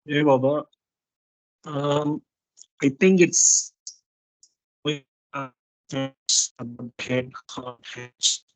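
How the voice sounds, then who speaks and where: A man's voice: medium pitch, fairly even intonation, drawn-out words, pauses often, no echo, low-quality recording. A man in an online study group speaking hesitantly with many fillers, his voice breaking up with glitching call audio over a weak connection. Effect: glitching, choppy call audio. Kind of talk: casual online discussion. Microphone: online video call over a mobile connection.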